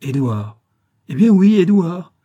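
A man's voice: mid-range voice, fairly even intonation, moderate pace, mellow, dull audio, natural voice. A man reading the part of a fussy older friend who scolds and teases in an audiobook. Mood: excited.

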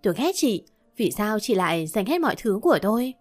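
A woman's voice: mid-range voice, very animated, brisk, darkish tone. A woman reading as a pleading, two-faced young woman. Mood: bitter. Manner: pleading and defensive.

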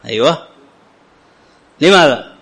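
A man teaching an Arabic grammar lesson, often asking his students whether it is clear and reciting quotations slowly. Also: fairly high pitch, expressive, a bit bright. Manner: questions students often, checks understanding; clears his throat now and then.

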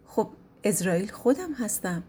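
A woman reading a storybook voices a male angel of death who is curt and teasing, in a warm voice. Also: medium pitch, animated, breathy edge. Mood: stern. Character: Azrael, male angel of death, stern and mocking. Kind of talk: storybook narration.

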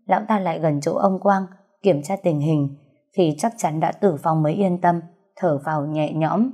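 Female storyteller, steady reading, low pitch, soft dark tone. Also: moderate pace. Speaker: audiobook narrator. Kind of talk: storytelling narration.

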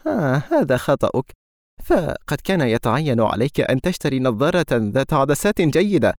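A man's voice: a little high, lively intonation, brisk, a little mellow, no echo, clean studio sound, voice pushed up, natural voice. A man reading an audiobook, voicing a guarded, teasing young woman with a mocking manner. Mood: sarcastic. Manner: sarcastic, mocking.

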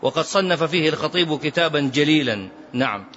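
A man's voice: a little high, animated, brisk, fairly bright tone. A man teaching a classical text as a sheikh, explaining in an emphatic lecturing way that rises sharply when he is stirred. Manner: chants Quranic verse in a melodic recitation. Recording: dull lo-fi recording with faint noise.

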